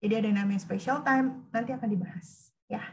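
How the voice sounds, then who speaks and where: A woman's voice: mid-range voice, fast, low-quality recording. A woman giving a parenting lesson over a video call. She explains things patiently and often checks in with her listeners. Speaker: parenting speaker.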